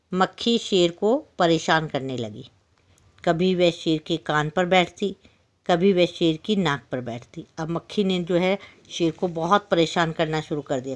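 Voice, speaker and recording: A woman teacher telling a story to young children, stopping to explain words and ask the class questions. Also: on the low side. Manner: explains and retells each line, asks the class questions. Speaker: school teacher.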